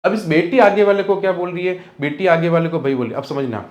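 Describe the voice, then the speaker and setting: A man's voice: fairly high pitch, expressive, quick pace, darkish tone, reverberant, lo-fi sound. A young man teaching a reasoning class, patiently repeating steps and quizzing his students.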